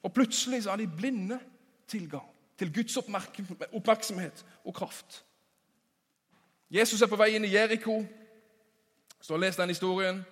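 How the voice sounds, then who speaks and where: High-voiced preacher man echoing in a hall. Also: pauses often. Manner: emphatic, swings between loud calls and hushed asides. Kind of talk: sermon. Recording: long hall reverb.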